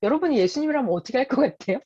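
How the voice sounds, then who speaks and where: Husky, lively woman teaching the Bible. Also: sits high, racing, muffled recording. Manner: animated, asks listeners rhetorical questions.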